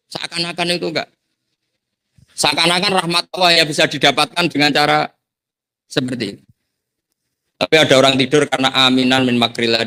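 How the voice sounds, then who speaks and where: A man's voice: medium pitch, sharp tone. A man giving a casual Islamic sermon, telling folksy stories and laughing along. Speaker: preacher.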